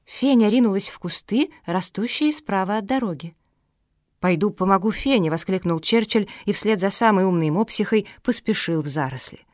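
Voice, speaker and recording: A woman's voice: medium pitch, animated, normal speed, few pauses, darkish tone, dry recording. Woman narrating a children's story. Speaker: audiobook narrator. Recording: dry close studio sound.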